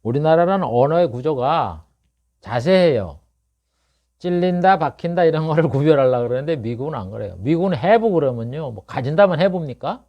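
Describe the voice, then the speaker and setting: Korean pastor, rhetorical and emphatic. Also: male voice, animated, moderate pace, muffled recording. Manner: conversational, asks rhetorical questions; swings from low murmurs to loud emphatic bursts. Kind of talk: expository sermon.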